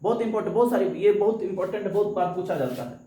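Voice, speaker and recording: A man's voice: high voice, fast, mellow, a little hiss or hum. Echoey male teacher quizzing his class. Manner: asks questions and answers them himself; chants verses in a recitation tone. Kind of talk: live online exam-coaching lesson.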